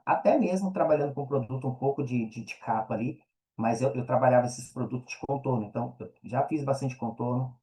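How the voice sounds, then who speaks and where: As a podcast guest in a casual interview chat, a Brazilian man with a Brazilian Portuguese accent explains things in slangy, informal speech. He often checks that he's being understood, and his mid-range voice sounds warm.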